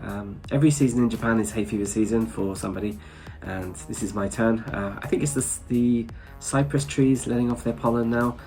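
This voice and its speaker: With soft music behind him, a man who vlogs about travel chats casually to the camera, his nose blocked from hay fever, rambling a little and giving small chuckles. He has a dark, medium-pitched voice and moves fairly quickly with few pauses.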